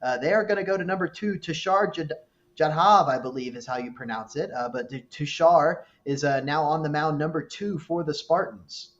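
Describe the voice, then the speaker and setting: A man doing live baseball commentary, explaining plays in a measured way with frequent fillers. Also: on the high side, muffled recording.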